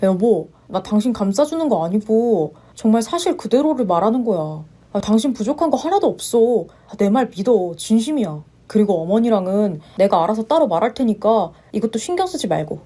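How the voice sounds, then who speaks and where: A woman voicing a gentle, supportive young husband who speaks softly and reassuringly in a narrated story. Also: big pitch swings, brisk, hardly any pauses. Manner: soft, reassuring, low-voiced. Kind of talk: story narration with voiced roles.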